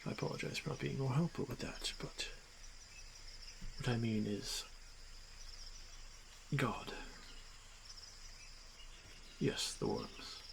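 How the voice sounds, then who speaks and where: For a fantasy ASMR roleplay, a man voices a stoic, honor-bound orc warrior who is gently protective, speaking in hushed, halting, formal phrases with frequent pauses. His mid-range voice has vocal fry, and the mood is apologetic and gentle. The track is noisy, with crickets and night insects in the background.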